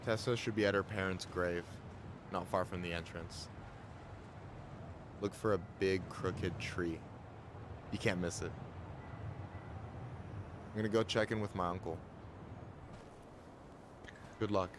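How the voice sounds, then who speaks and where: Low-voiced, easygoing young man. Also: steady tone, a little slow, pauses often, noisy background. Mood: casual, friendly. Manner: casual, warm, teasing talk. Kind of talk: naturalistic video game voice acting. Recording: game dialogue over music.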